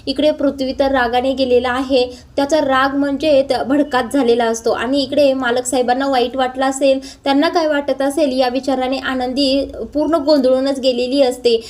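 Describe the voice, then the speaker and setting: A woman narrating a casual recap of a TV serial episode in a steady storytelling manner, as a home voice-over. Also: high-pitched, moderate pace, few pauses. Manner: steady storytelling with frequent "now, here" links.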